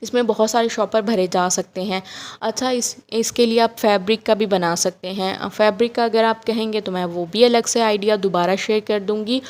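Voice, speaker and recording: A woman's voice: medium pitch, fairly even intonation, moderate pace, darkish tone. A woman, giving a chatty, homely step-by-step craft tutorial with frequent fillers. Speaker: DIY craft vlogger. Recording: home video with faint background music.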